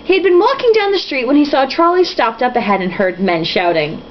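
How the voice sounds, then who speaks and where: Sitting high and animated, this woman's voice moves briskly as she hosts a mocking read-through of a novel. She sounds tipsy, like she's playing a drinking game, throwing in crude, sarcastic asides. Faint hiss runs under the dull lo-fi audio.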